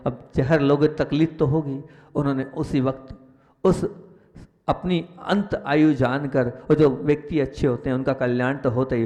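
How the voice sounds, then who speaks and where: A Jain monk delivering a sermon in a storytelling style, who repeats phrases and lifts his voice for emphasis. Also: a little mellow. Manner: rises in pitch and volume for emphasis, repeats phrases. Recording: long hall reverb.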